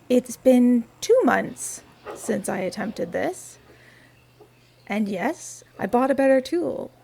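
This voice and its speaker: A crafting vlogger with a raspy, slightly high voice talks softly and unhurriedly through a quiet vlog in her home studio, dropping wry asides. Slight background noise is audible.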